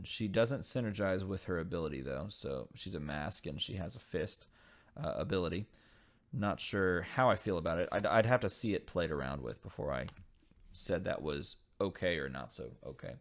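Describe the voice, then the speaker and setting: A man hosting a casual unboxing video, reading game card text aloud and thinking over each card with frequent pauses. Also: deep voice. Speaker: channel host opening dice game packs.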